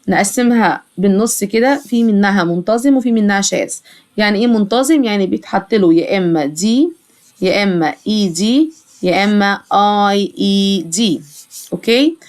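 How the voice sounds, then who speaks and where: A woman with an Egyptian Arabic accent teaching English vocabulary to children, repeating each word slowly several times. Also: mid-range voice.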